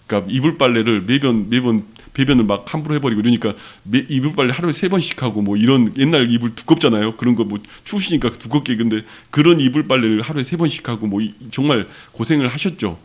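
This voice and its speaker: A man's voice: mid-range voice, fast talker, hardly any pauses. A middle-aged man from Jeolla, South Korea, preaching a sermon as pastor, telling a personal story with earnest rhetorical questions to the congregation.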